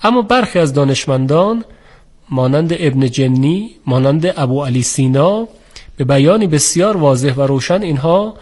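A man teaching a formal, measured lecture on the articulation of letters for Quran recitation. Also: a little high, animated, darkish tone. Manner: measured, formal, with polite set phrases. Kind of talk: explanatory lecture on pronunciation.

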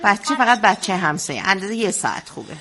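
A woman's voice: medium pitch, very animated, fairly bright tone. A young woman playing a tender, chatty wife babysitting a neighbor's baby, in a radio drama.

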